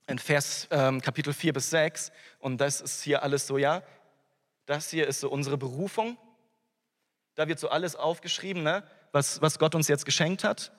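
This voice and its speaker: A man preaching a sermon to his congregation in a conversational way, often turning to the listeners with quick asides. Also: fairly high pitch, fairly bright tone, in a large hall. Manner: conversational, addresses the congregation directly with frequent "hey" and "ja". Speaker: pastor.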